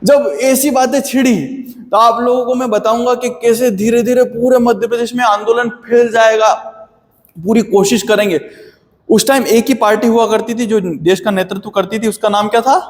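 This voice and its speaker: A man with a very high-pitched, steady voice at normal speed gives a history lecture in class, sounding as if he's in a big room. He's chatty and friendly, calling his students "beta."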